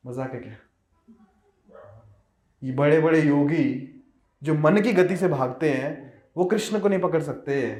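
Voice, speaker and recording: A man's voice: fairly high pitch, a little mellow. A man telling a devotional story in a sermon, expressively, with many rhetorical questions. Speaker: devotional speaker. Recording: roomy echo.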